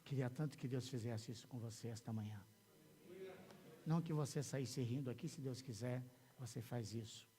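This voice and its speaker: Brazilian pastor preaching in an echoing church. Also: male voice, mid-range voice, moderate pace. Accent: Brazilian Portuguese. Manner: animated storytelling, repeats words, swings from hushed to loud. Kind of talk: sermon. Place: church sanctuary. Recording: long church hall reverb.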